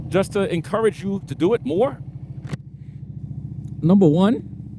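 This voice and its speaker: A man chatting casually to viewers while riding his motorcycle, laughing often and stretching out his stresses. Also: a little high. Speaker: motorcycle vlogger. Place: on a motorcycle in traffic outdoors. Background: faint traffic and wind noise.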